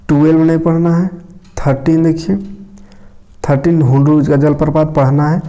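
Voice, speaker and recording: A man from Jharkhand, India, with a Jharkhand Hindi accent gives a casual explanatory lesson in a slightly high, mellow voice. He keeps it conversational, often checking in with listeners through tags like "okay" and "isn't it."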